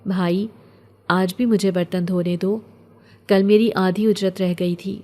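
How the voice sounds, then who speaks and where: A lonely young orphan girl, played by a woman reading a horror storybook, soft and plaintive in every line. Her voice sits mellow and warm, at an ordinary woman's pitch. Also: fairly even intonation, natural voice. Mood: wistful.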